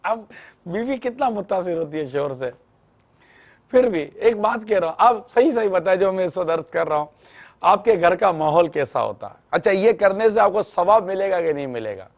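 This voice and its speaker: Gravelly male religious scholar giving gentle advice. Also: high voice, animated, muffled recording. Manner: gentle, instructive, acts out household dialogue. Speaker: religious scholar answering callers. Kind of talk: televised religious advice talk.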